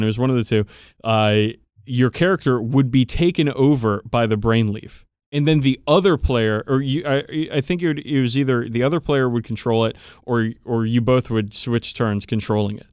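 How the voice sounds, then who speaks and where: A smooth, darkish, medium-pitched man's voice comes through a dry, clean studio recording. As a podcast co-host, he gushes informally about tabletop game lore, peppering the chat with profanity.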